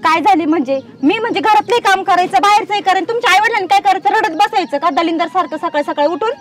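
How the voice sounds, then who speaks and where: A woman's voice: very high-pitched, fast talker, heavy background noise. A young woman playing a harsh daughter-in-law who scolds her elderly in-laws with contempt. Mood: defiant.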